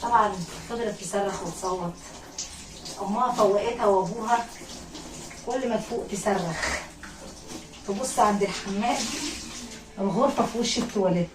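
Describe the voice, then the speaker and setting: A woman with an Egyptian accent casually telling a story, lively and repeating words for emphasis. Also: medium pitch, roomy sound, recorded from a distance, noisy background.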